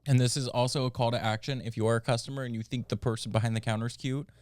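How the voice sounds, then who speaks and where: Man, twenties, mid pitch, smooth, dry, reassuring casual podcast chat. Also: level tone, racing, dry recording. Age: 20s. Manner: chatty, lots of fillers, gently reassuring. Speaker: podcast co-host.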